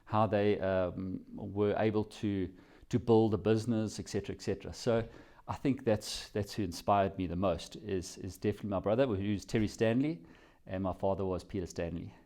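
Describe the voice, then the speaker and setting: South african man, low voice, mellow dark tone, reflective rambling interview answers. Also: normal speed. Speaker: company CEO, guest.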